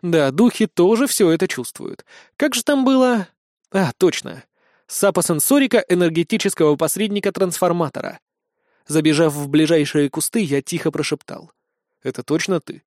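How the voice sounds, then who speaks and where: A man narrating an audiobook in a lively, expressive storytelling manner. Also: sits high, normal speed, dry recording, clean studio sound.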